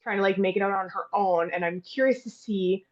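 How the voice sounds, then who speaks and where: A woman's voice: medium pitch, brisk. A chatty, curious woman joins a podcast over an online call. Her voice arrives muffled and dull, as if it were coming through a wall. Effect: muffled, as if heard through a wall. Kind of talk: casual chat.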